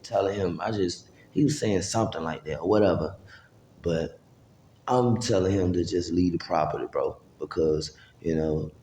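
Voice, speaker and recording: A vlogger with a deep, mellow voice tells a long, rambling, profane story to camera in casual street talk, acting out what people said. The sound is roomy with a little hiss or hum.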